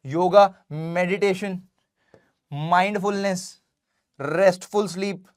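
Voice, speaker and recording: A young man teaching an online science class, chatty and informal with his students, reading English lines slowly and deliberately. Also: high voice. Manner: chatty, addresses students as bhai and beta.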